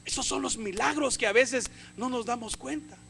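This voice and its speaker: Man, pastor, sermon, very high voice, passionate, loud then soft, faint background noise. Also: moderate pace, vocal fry. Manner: passionate, rises to loud preaching and drops to soft asides.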